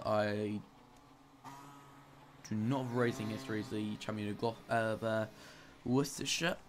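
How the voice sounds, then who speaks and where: A man's voice: fairly low pitch, a little hiss or hum. A man with a northern English accent commentating a sim-racing event and interviewing drivers, chatty, with fillers and self-corrections. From northern England. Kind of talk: live esports race commentary.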